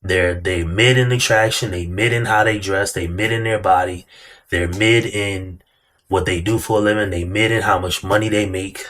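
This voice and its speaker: A man hosts a reaction video in a fairly low voice. He talks casually and bluntly, full of slang, and drives his points home by repeating phrases. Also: steady tone, normal speed, a bit bright. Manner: blunt, repetitive emphasis.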